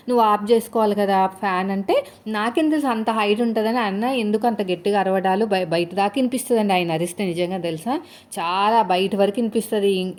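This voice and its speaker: A woman's voice: medium pitch, a little mellow. Chatty woman vlogging home chores. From India. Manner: chatty, rambling, frequent fillers. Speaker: vlogger, housewife. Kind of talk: casual chat while doing chores.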